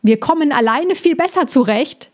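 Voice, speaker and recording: A woman's voice: mid-range voice, animated, takes it slowly, dark tone, husky. A woman reading a storybook and voicing a blunt, blustering male hedgehog.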